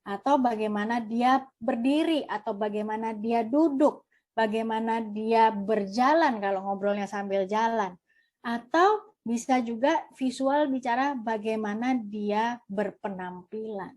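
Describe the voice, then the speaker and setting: Lively woman trainer. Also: a little high, measured pace. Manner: lively, asks and answers her own questions. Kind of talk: online workshop lesson.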